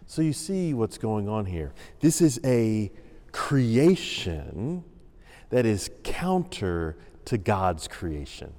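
A male pastor preaches slowly and deliberately, his pitch rising and falling widely for emphasis. His tone is mellow and dark. A long reverb from a church sanctuary trails behind every phrase. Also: sing-song. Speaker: senior pastor. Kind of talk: sermon. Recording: long reverb of a large room.

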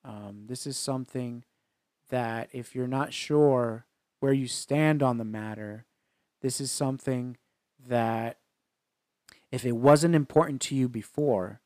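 A man co-hosting a casual faith podcast, talking earnestly in halting phrases with frequent restarts. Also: mid-range voice, a little mellow, no room sound, clean studio sound. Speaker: podcast co-host.

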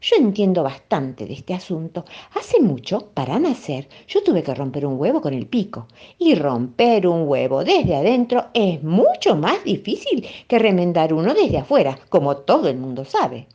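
A woman's voice: on the low side, wildly swooping pitch, normal speed, hardly any pauses, dark tone, husky, lo-fi sound, full character voice. A woman with a Rioplatense accent voicing a small, helpful male bird with a chirpy, bustling, reassuring manner. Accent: Rioplatense Spanish.

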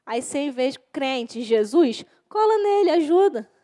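High-voiced woman preaching to youth. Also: big pitch swings, moderate pace, mellow. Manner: repeats key phrases, acts out quoted inner voices. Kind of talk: informal youth sermon.

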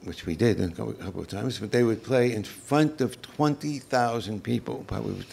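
An older man telling unscripted recollections as an interview guest, in a halting, reflective way. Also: fairly low pitch, gravelly, a little mellow, breathy edge. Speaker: interview guest, former folk festival organizer. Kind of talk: unscripted reminiscence.

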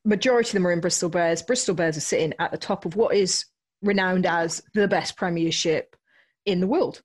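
A woman's voice: lowish voice, fairly quick. Woman co-host, chatty, teasing banter. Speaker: podcast co-host. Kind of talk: casual chat.

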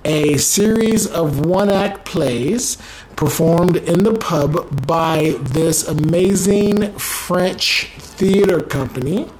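A man's voice: a little high, slow, darkish tone, a little hiss or hum, low-quality recording. A man hosting a podcast, chatting casually with lots of fillers and restarts, in a rental apartment. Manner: rambling, filler-heavy, playful. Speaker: podcast host. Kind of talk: casual interview chat.

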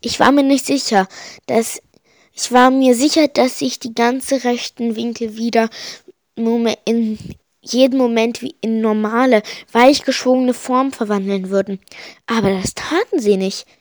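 A woman's voice: fairly high pitch, steady tone, a little slow, no room sound, clean studio sound. A woman reading a first-person story aloud, with frequent slips and restarts. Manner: reads with frequent slips and restarts, rising to panicked shouts in dialogue. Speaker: audiobook reader.

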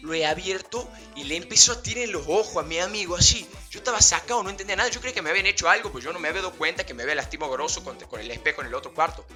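A man's voice: sits high, very fast, few pauses, pushed and bright, faint music behind. A young man telling a casual, slangy anecdote to his viewers, rambling with fillers and breaking into laughs. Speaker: vlogger.

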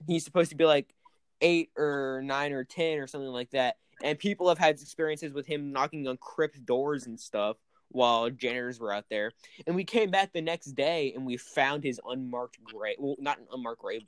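A man's voice: mid-range voice, moderate pace, clear, resonant tone, dry recording. A man co-hosting a casual podcast, telling spooky stories in a playful, rambling way.

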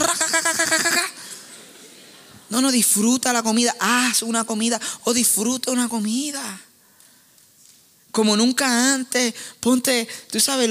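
Male pastor, sermon, high voice, animated and joking, acts out family scenes, long hall reverb.

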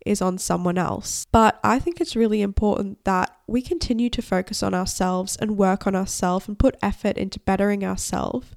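A woman's voice: medium pitch, normal speed, creaky, hardly any pauses, a little mellow, no echo, studio quality. A young woman in her twenties with a cold, sounding nasal as she hosts her own podcast in chatty, upbeat solo talk. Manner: chatty, upbeat, talks with many likes. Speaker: podcast host. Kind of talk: casual solo podcast chat.

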